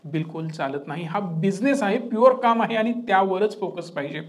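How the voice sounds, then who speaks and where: Male trading educator from Maharashtra, higher-pitched, emphatic and lecturing, speaking straight to viewers. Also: animated, normal speed. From Maharashtra, India. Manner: emphatic, lecturing, mixes English terms. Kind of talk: direct-to-camera trading talk.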